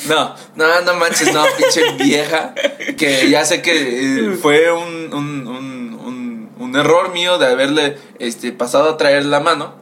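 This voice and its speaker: A young man with a Mexican Spanish accent telling a crude story in casual chat, animated and acting out voices. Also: a little high, takes it slowly. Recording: faint background noise.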